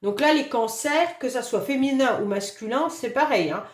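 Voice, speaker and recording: Hoarse woman tarot reader, high voice, gentle reassuring delivery, echoey room. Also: normal speed. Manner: gentle, reassuring, fond of "d'accord?" and "hein". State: hoarse voice after illness, occasional cough. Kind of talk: monthly astrology reading for a sign.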